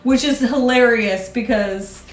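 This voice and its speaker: A woman comedian from Miami, a guest in casual chat, talking in a lively, playful way and slipping into voices as she tells stories. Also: a little high, a little slow. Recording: roomy sound from the mic at a distance, faint background noise.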